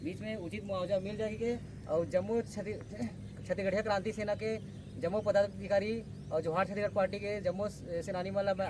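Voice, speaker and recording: A man's voice: sits high, noisy background. A man with a Chhattisgarhi accent announcing at an outdoor protest and calling supporters to join the sit-in. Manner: rallying, calls supporters to come. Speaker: protest organizer.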